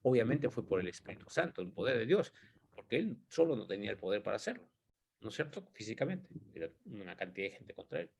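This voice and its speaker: A man's voice: on the low side, very animated, fast talker, creaky, a little mellow, husky. A man giving an informal Bible teaching, thinking aloud and asking rhetorical questions as he explains the passage.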